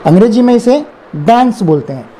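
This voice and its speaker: A man's voice: high-pitched, animated, slow, mellow, slight background noise. A man with an Indian accent teaching English phonics, spelling words letter by letter and repeating them. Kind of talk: slow explanatory phonics lesson.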